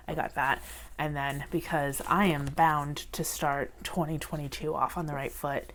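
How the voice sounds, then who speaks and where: A woman in her thirties with a stuffy head cold, chatting casually to camera about her budget, sniffling and self-deprecating. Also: low-pitched. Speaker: budgeting vlogger.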